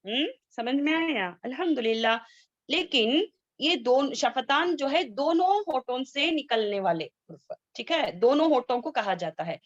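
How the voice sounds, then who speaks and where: A woman teaching Quran recitation in an online class, asking students questions and slowly drilling sounds. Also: sits high, animated, no echo. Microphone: video call. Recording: dull lo-fi video call audio.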